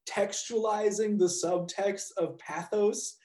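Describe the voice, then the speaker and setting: A man's voice: high voice, darkish tone. A man co-hosting a casual chat about a movie, rambling and laughing often, swearing casually. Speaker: podcast co-host. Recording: echoey room.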